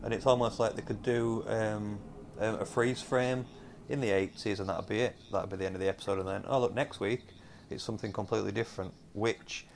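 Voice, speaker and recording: A young man with a Northern English accent, his voice low and full of gravelly fry. He talks casually about television, wandering through his points with frequent ums and self-corrections. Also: fairly even intonation, brisk, a little hiss or hum. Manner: rambling, many fillers and restarts. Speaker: podcast co-host. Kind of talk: casual chat reviewing TV episodes.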